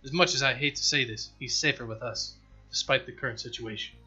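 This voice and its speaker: A man voicing a wise, formal cyborg dwarf companion who explains lore in a measured way. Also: mid-range voice, pushed and bright, slightly rough, muffled recording, faint music behind, exaggerated voice. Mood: calm. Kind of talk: reading game dialogue aloud.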